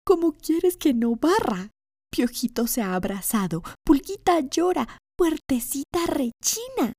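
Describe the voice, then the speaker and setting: A woman's voice: high voice, sing-song, unhurried, a little mellow, dry recording, studio quality, pitched above the performer's own voice, full character voice. A woman voicing an anxious talking broom in a storybook tale, with a raised, pleading tone. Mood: fretful. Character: fretful broom, thing, higher voice.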